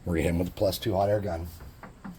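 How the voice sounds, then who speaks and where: A man's voice: low voice, steady tone, rapid-fire, heavy background noise. A man hosting a casual hobby crafting tutorial, chatting in a laid-back, jokey way as he works. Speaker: crafting channel host.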